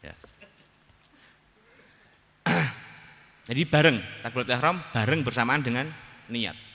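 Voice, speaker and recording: Bright-voiced Javanese man teaching in a hall. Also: mid-range voice, unhurried, creaky. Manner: relaxed teaching, repeating words, frequent "ya" checks. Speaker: religious teacher. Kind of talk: teaching a religious text.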